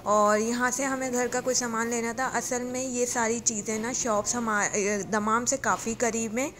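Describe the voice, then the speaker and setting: Woman vlogger, higher voice, chatty, rambling, faint background noise. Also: fairly even intonation, moderate pace. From Pakistan. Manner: chatty, rambling with fillers and self-corrections. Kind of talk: casual vlog narration. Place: shops and supermarket, partly voice-over.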